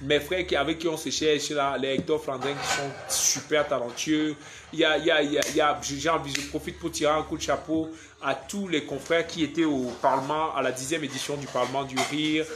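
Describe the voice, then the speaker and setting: Casting: young Cameroonian comic on a live stream, joking, reads viewer comments, voice a touch high. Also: male voice, steady tone, fairly quick, background noise. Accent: Cameroonian French. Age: young adult. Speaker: comedian doing a live stream. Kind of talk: casual live-stream chat.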